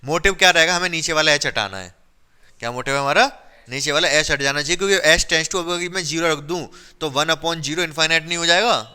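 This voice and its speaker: Male maths teacher, fairly high and crisp voice, asks students questions while working at the board. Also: bright, forceful tone. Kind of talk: classroom lesson explaining at a board.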